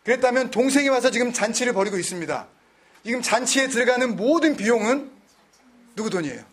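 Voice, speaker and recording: High-voiced husky man teaching scripture. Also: expressive, fast talker, a bit bright. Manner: keeps quizzing his listeners; conversational, mixes in English words. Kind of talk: Bible study teaching.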